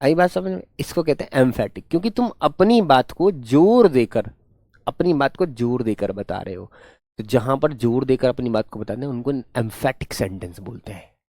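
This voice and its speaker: A man's voice: medium pitch, animated, moderate pace, darkish tone, dry recording. Male grammar teacher, patient and repetitive, dry close sound. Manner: patient, repetitive, calls students "son". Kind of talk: online class lecture.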